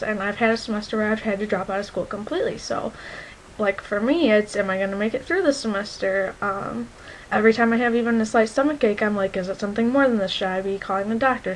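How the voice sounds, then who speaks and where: A twenty-one-year-old woman vlogger talks candidly to her viewers in a personal vlog, reflective and earnest, with many fillers. Her voice is a little high, and the audio quality is poor.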